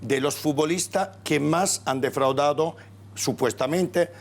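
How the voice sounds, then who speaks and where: A measured, skeptical man arguing his point on a TV studio panel. His voice sits a little high. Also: gravelly. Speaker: political talk show panelist. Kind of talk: TV debate.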